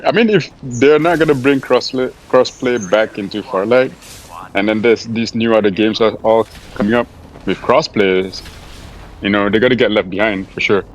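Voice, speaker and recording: A man's voice: on the low side, normal speed, slight background noise, low-quality recording. A man streamer talking casually in a group discussion, rambling with lots of fillers and restarts. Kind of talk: casual chat.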